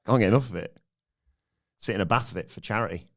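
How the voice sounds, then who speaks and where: A man's voice: lowish voice, fast talker, gravelly. A man co-hosting a podcast, giving a dry, sarcastic play-by-play recap in casual chat. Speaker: podcast co-host recapping the show.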